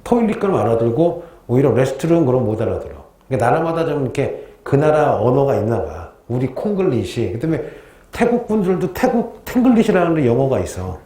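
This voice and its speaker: A man's voice: medium pitch, big pitch swings, brisk, dark tone. A male history teacher giving a casual classroom lecture, chatty and joking, with funny asides before he gets into the lesson. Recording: roomy echo.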